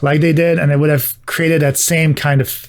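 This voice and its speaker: Male co-host, a bit higher pitch, curious and thoughtful, casual chat. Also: little pitch movement, normal speed. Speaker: podcast co-host. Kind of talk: casual movie podcast chat.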